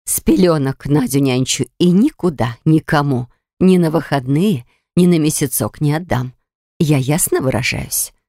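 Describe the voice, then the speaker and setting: Stern old great-granny, narrator doing her, curt and bossy, gravelly, dry close sound. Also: mid-range voice, expressive, moderate pace, mellow, dry recording, close to an everyday voice. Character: stern elderly great-grandmother, firm and composed.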